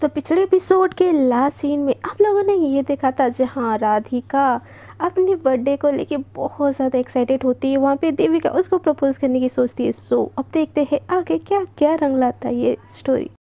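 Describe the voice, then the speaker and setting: A woman narrates a love story like she is chatting with friends. Her voice is high and warm, with a dark, soft tone. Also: normal speed. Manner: chatty, conversational.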